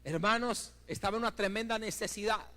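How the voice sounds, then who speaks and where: Fervent high-voiced pastor preaching. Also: male voice, brisk. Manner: fervent storytelling, swinging between loud peaks and hushed asides; keeps addressing the congregation as brothers. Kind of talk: sermon. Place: church building.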